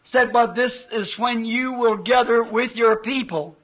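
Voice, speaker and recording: A preacher man tells of a vision with fervor, his speech folksy and unpolished. His voice sits very high for a man and comes out bright, and he takes his time between phrases. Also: slow pace, low-quality recording. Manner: fervent storytelling with folksy grammar. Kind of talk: sermon recounting a vision.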